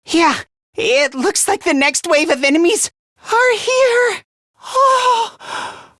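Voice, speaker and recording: In a clean, echo-free studio recording, a man uses a very high-pitched, sharp full character voice for a timid, self-loathing young male student fighter in an English video game. He hesitates and stammers while putting himself down.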